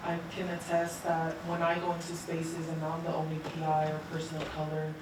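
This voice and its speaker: A woman interviewer asking a long, measured question with hesitant fillers. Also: deep voice, monotone, heavy reverb, distant mic, background noise.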